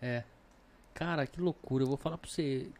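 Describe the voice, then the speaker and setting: A man's voice: mid-range voice, a little fast, a little mellow. A man hosting a casual podcast, joking around and directing the guests and crew. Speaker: podcast host.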